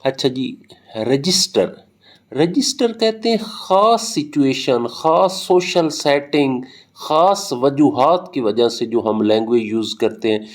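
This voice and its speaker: Man, lecture, middle-pitched voice, explains with examples, hesitant fillers. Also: slow pace. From Pakistan. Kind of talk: recorded lecture explaining linguistics.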